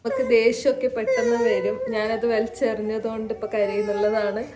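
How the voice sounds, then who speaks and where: A woman's voice: on the high side, lively intonation, a little fast, very noisy. A mother with a slight cold, speaking in casual baby talk and repeating coaxing, sing-song prompts to her toddler at home.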